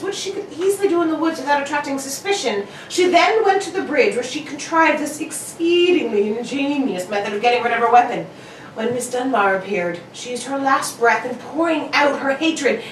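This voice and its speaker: In an old-time radio drama, a woman plays a brilliant, exacting male detective who is brisk and self-critical, using a high-pitched, theatrical delivery that sets out every phrase precisely. She sounds off-mic in an echoey room, with a distant mic and faint noise.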